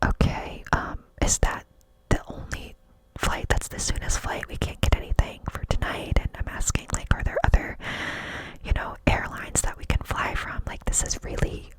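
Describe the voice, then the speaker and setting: A fully whispered voice, cupped by the hands close to the microphone. The speaker tells a personal story in a chatty, rambling ASMR style, breathy and unvoiced throughout. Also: moderate pace, rough recording. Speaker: ASMR video creator.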